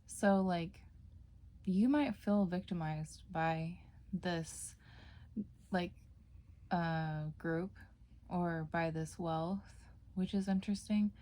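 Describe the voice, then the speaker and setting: A woman's voice: lowish voice, slow, long pauses, warm tone. A woman giving a casual tarot reading, chatty, with frequent fillers and self-corrections. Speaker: tarot reader.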